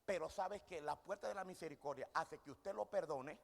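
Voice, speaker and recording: A high-voiced male preacher delivers a sermon in a church hall, quizzing the congregation and answering his own questions. His voice carries a gravelly edge. A long reverb trails every phrase. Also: normal speed. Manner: asks questions and answers them himself, demonstrating with volunteers. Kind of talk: sermon with audience call-and-response.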